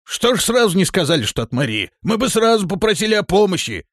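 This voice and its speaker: A man reading an audiobook, voicing a hoarse, shaggy, bearded village peasant. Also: medium pitch, expressive, moderate pace, no echo, clean studio sound, close to an everyday voice. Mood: relieved. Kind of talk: audiobook character voice.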